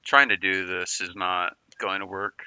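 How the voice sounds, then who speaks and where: A man's voice: low-pitched, steady tone, a little slow, pushed and bright, clean tone, no echo. A man chatting casually on a livestream, rambling and often repeating and restarting his words. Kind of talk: casual stream chat.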